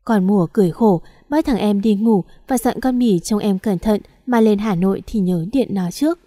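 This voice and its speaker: A woman reads an audiobook novel aloud in a steady, even manner. Her voice is warm and mellow. The recording is close-miked and dry. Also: mid-range voice, moderate pace, no echo. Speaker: audiobook narrator. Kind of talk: scripted narration.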